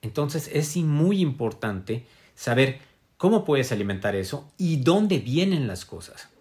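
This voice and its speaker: Man, motivational speaker, casual wellness talk, reflective, ordinary pitch, filler-heavy. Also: big pitch swings, a little slow, darkish tone. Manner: reflective, many fillers and tag questions.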